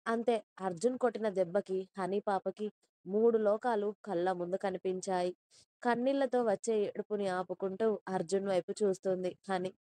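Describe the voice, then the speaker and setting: A woman narrating an audio love story in a steady storytelling voice. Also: medium pitch, normal speed, no echo.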